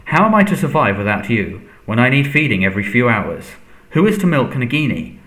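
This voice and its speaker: A man voicing a frail, menacing dark lord in a storybook, soft, breathy and hissing, commanding and contemptuous. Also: mid-range voice, very animated, brisk, low-quality recording. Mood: contemptuous, angry.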